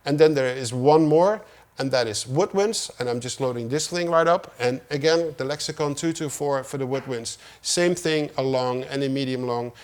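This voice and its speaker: A middle-aged man, a music producer, casually walking through his studio setup in a tutorial, with relaxed, self-deprecating asides. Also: mid-range voice, moderate pace, smooth.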